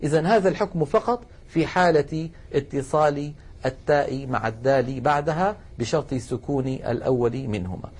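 In a recorded lesson, a man teaches the rules of Quran recitation, addressing his listeners as brothers and explaining with patience. He slows way down to recite each example. His voice is on the high side, darkish and slightly rough.

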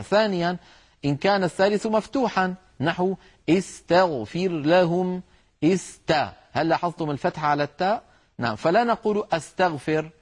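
A man's voice: fairly high pitch, a little mellow. A man teaching a lesson on Quran reading and Arabic grammar, explaining patiently and asking his listeners rhetorical questions.

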